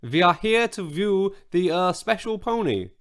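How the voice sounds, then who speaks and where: A man's voice: sits high, big pitch swings, a little slow, fairly bright tone, voice pushed up, exaggerated voice. A man voicing a young girl who puts on a phony Russian accent to pose as a rich heiress in a storybook. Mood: playacting. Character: schoolgirl faking a Russian heiress.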